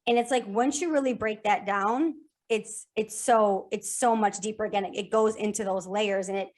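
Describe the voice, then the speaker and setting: Speaking at a normal speed with a medium-pitched voice, this podcast guest discusses sales casually and energetically. She frequently restarts and tends to repeat phrases when listing things.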